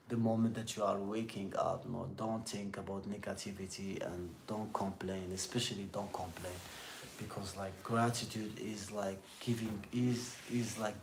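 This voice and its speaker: A middle-aged livestream host with an Algerian accent and a low, creaky voice offers casual motivational thoughts to live viewers. His second-language English is halting, rambling and repetitive, circling back on itself. A roomy echo surrounds him, along with faint background noise.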